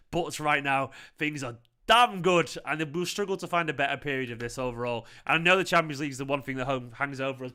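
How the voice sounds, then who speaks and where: A man with a Manchester accent, hosting a live football fan reaction stream, chatting excitedly and swearing while reading viewer comments. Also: medium pitch. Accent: Mancunian. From Manchester, England. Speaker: football fan channel host.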